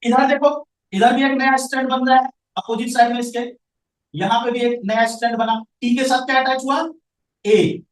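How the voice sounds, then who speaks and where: A man's voice: extremely high pitch, flat delivery, moderate pace. A male science teacher lecturing a classroom, quizzing students and answering his own questions. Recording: echoey room, voice from far off the mic.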